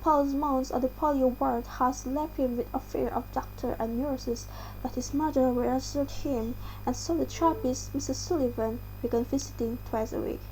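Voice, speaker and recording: High-voiced Indonesian-accented woman reading aloud. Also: steady tone, normal speed, few pauses, warm tone, slight background noise, rough recording. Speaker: reader. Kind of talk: article read aloud.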